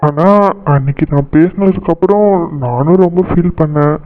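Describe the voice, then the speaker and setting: A doting young cartoon fiancé, voiced by a man, coaxing and teasing in a high voice. His words come through a thin, phone-like band. He pleads playfully rather than argues. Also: normal speed, soft background music, natural voice.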